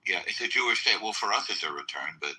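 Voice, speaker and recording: A man's voice: fairly low pitch, animated, quick pace, bright, forceful tone, husky, low-quality recording. A man with a lisp from a missing tooth, tongue sticking out as he talks, arguing combatively in a heated political debate and badgering with repeated questions.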